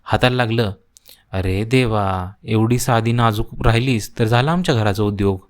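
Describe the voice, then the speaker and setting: A man voicing a sharp-tongued, scolding middle-aged mother-in-law in a cartoon story, with a nagging, insulting way of talking. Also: on the low side, moderate pace, close to an everyday voice. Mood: scornful.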